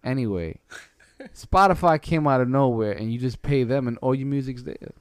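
A man's voice: mid-range voice, moderate pace, clean tone, no echo. A man hosting a casual podcast chat in slangy, bro-like, colloquial speech. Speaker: podcast host.

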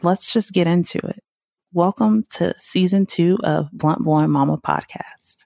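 A woman's voice: on the low side, unhurried, creaky, darkish tone, no echo, studio quality. A woman, hosting her own podcast in a candid, chatty way, laughing often and talking loosely. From Southern United States. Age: 30s. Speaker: podcast host. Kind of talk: casual podcast monologue.

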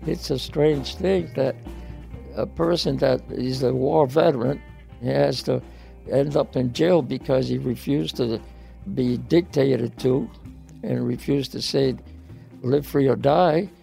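An older man giving a halting, emotional personal account, repeating words as he grows tearful. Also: medium pitch, gravelly, warm tone, soft background music. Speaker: interviewee.

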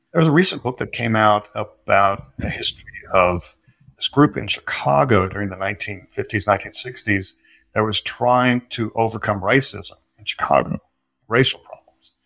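A man with a somewhat low voice talks through history for a podcast interview. He explains carefully, pausing and restarting, with flashes of dry humor. The sound is close and dry, with no room around it. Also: gravelly, fairly bright tone, no echo. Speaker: guest historian. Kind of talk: conversational interview answers.

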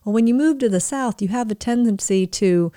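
A woman from Florida co-hosting a podcast, chatting in a relaxed, matter-of-fact way. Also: a little high, brisk, no echo, clean studio sound. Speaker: podcast co-host. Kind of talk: casual podcast chat.

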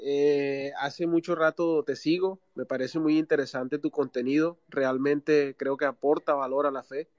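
A man's voice: on the high side, steady tone, measured pace, few pauses, darkish tone, no echo, highs cut off. A man in his thirties with a Colombian Caribbean coast accent, calling in to a live audio talk with many hesitant fillers. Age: 30s. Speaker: caller. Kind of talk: live audio space call-in.

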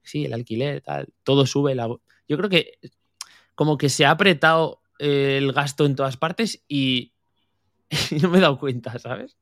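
A man's voice: medium pitch, normal speed, fairly bright tone, dry recording. Frank Spanish man, dry close voice. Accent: Spain Spanish. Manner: colloquial, frank, says "tío" and "coño". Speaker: podcast co-host. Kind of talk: casual chat.

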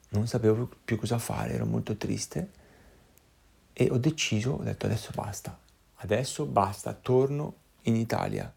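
Gravelly man telling a life story. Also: on the low side. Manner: animated, acts out voices and sounds.

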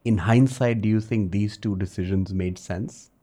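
A man's voice: lowish voice, moderate pace, dark tone. Man asking probing interview questions. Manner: probing, brief follow-up questions.

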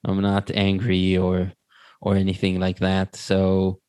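A man in his thirties hosting a podcast, asking slow, halting, thoughtful questions. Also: low-pitched, completely flat delivery, a little mellow, clear, resonant tone, dry recording. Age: 30s. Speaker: podcast host. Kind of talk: casual conversation.

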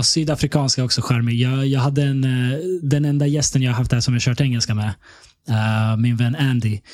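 Laid-back male podcast host. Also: mid-range voice. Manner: relaxed, chatty, leans on the filler "liksom". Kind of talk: casual conversation.

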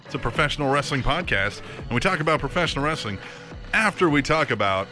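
Bright, animated man hosting a podcast. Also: on the high side, fast talker, soft background music, poor audio. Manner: joking, agreeing interjections. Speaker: podcast host. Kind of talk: casual podcast chat.

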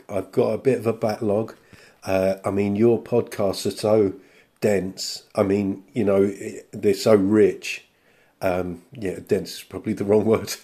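Male podcast host, slow and mellow, hesitant with lots of ums. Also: lowish voice. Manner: hesitant, full of fillers and self-deprecating laughs. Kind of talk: podcast chat replying to listeners.

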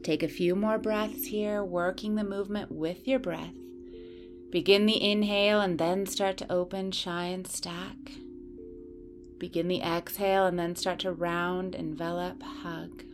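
A woman with a low-set voice leads a yoga class through breath and movement. She speaks in a calm, soothing, gently coaching manner. Instrumental music plays clearly beneath her words. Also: moderate pace. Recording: clear music playing behind the voice. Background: soft instrumental music.

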